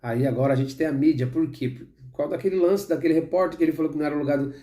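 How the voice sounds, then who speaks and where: Brazilian man, brazilian accent, mellow warm tone, heated rambling football talk. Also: on the high side, very fast. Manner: heated, rambling, frequent restarts and asides. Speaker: football commentator. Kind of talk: opinionated casual football talk.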